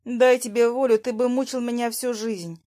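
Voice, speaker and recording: A woman voicing an indignant, hot-tempered teenage schoolgirl who shouts her lines sharply. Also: medium pitch, a little slow, no room sound, clean studio sound, natural voice. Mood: furious, indignant.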